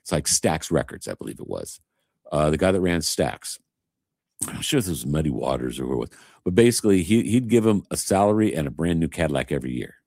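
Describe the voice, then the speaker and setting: A man's voice: extremely low pitch, lively intonation, a little fast, gravelly, a little mellow, no room sound, studio quality. A man chatting casually as a host, an emphatic, rambling storyteller. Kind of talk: casual chat.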